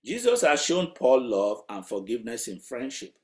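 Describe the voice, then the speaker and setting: A man's voice: mid-range voice, huge pitch swings, normal speed, a little mellow. Man preaching in an echoey room. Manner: conversational, emphatic preaching with rhetorical questions. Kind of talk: sermon. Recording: roomy echo.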